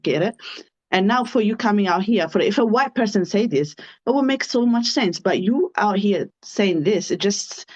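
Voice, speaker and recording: A woman's voice: mid-range voice, lively intonation, moderate pace, darkish tone, highs cut off. A woman from Ethiopia calling into a heated live debate, frank and questioning, with many fillers.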